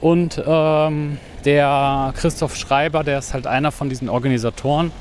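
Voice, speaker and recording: Pitched on the high side, this man speaks at a normal pace with fairly even intonation, and there's slight background noise. He hosts a casual podcast on the move outdoors, running while he explains things and often adds tag questions.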